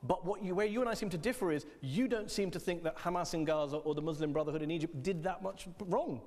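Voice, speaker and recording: A man hosting an interview in a debating hall, pressing his guests with rapid questions. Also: fairly high pitch, darkish tone. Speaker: host. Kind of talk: adversarial studio interview. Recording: long hall reverb.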